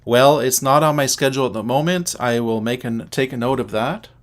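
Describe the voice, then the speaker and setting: A middle-aged man from Canada talks casually at an ordinary, mid-range pitch. He hosts a livestream from a home setup, greeting viewers by name and thinking aloud while he fiddles with settings. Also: brisk. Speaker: livestream host.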